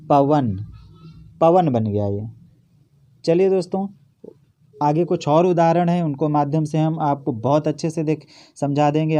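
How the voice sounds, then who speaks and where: A man's voice: fairly high pitch, mellow. Man teaching, repeating each answer. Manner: repeats questions and answers them himself. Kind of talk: exam-prep grammar lesson. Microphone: phone or camera over a notebook.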